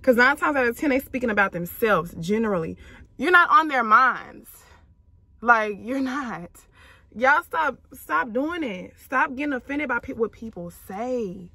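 A woman's voice: on the high side, lively intonation, unhurried, sharp tone, husky, no echo. A young adult woman vlogger chatting casually from a car, blunt and emphatic, with slang and laughs. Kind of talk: casual chat. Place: inside a car.

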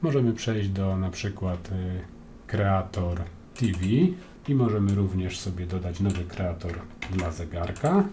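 A Polish-accented programming tutor talks through code in a screen-recorded lesson, his low voice dark and mellow. He explains calmly, step by step, often pausing on a drawn-out "e." Faint room hiss and keyboard typing run beneath him.

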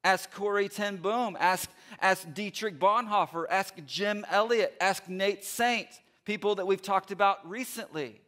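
Pastor preaching on a church stage. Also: male voice, sits high, unhurried, hardly any pauses. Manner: earnest preaching with repeated phrases, swinging between loud urging and quiet appeal. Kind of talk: sermon. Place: large church stage indoors. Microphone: headset mic.

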